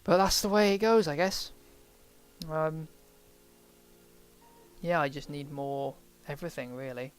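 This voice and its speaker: A man's voice: a little high, steady tone, unhurried, pauses often. A man giving casual let's play commentary, rambling and thinking aloud as he plays a game. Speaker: game streamer.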